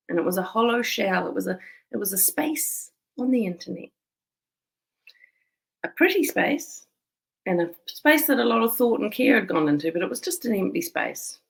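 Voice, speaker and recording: Earnest New woman with a gravelly edge. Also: mid-range voice, rough recording. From New Zealand. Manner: emotional, earnest, tearful at times. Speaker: community manager. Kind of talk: heartfelt personal address to camera.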